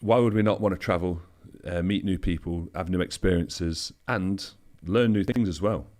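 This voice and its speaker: A man's voice: low voice, moderate pace, a little mellow. A man, a pro bodybuilder guest, telling easygoing anecdotes in a casual interview chat, loose with fillers.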